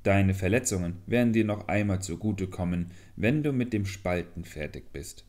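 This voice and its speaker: A man's voice: low voice, expressive, normal speed, a little mellow. A man reading a storybook, voicing a tiny young man trapped in a bamboo stalk who first pleads and then gives commands. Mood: instructing.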